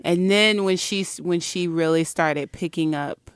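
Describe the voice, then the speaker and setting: A woman co-hosting an entertainment podcast, reading promos in a measured way and chatting about celebrities. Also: fairly low pitch, smooth, no room sound, clean studio sound. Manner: reads show promos in a measured way. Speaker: podcast co-host. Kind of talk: casual podcast chat.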